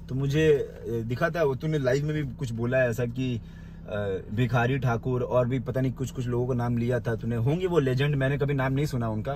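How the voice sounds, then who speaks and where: A man's voice: medium pitch, slight background noise. A young man in a small room delivering an angry, insulting rant into his phone, mocking and confrontational. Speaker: social media commentator.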